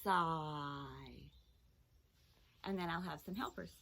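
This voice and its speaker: Woman teacher, children's phonics lesson; unhurried, clear and sing-song, a sharp bright tone. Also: mid-range voice, very animated.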